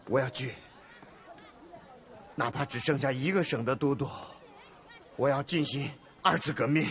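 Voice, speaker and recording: A man's voice: medium pitch, normal speed, fairly bright tone, natural voice. An actor playing a stubborn middle-aged male revolutionary leader in a historical drama, vehement and stammering when enraged. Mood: defiant.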